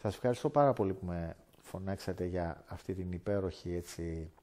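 A man from Greece giving a personal faith testimony as a guest speaker, animated and acting out conversations. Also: sits low. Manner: animated, acts out dialogue in voices.

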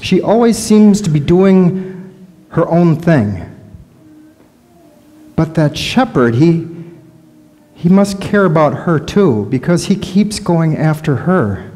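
In a large church sanctuary with long reverb, a middle-aged man delivers a first-person sermon monologue as a skittish, fearful sheep. His voice sits on the high side and is mellow and very animated, yet slow, with long pauses and an anxious mood.

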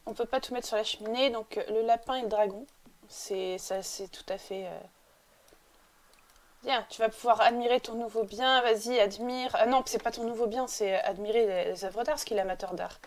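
A woman's voice: fairly high pitch, steady tone, moderate pace. A woman giving casual gameplay commentary, chatty and talking to the game characters as she plays, sniffling now and then. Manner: chatty, talks to the game characters and coaxes them. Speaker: let's play commentator.

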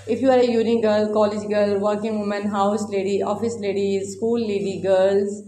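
A woman's voice: medium pitch, level tone, moderate pace, mellow. A woman doing an effusive, repetitive voice-over as a YouTube host. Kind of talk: casual scripted-style video voice-over with repeated phrases. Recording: roomy echo, faint background noise.

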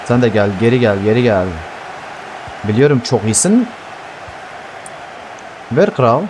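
Excitable man cursing at a football game. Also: medium pitch, measured pace, background noise. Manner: excitable, swears a lot, shouts at teammates. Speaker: gaming YouTuber playing football career mode. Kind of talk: live gameplay commentary.

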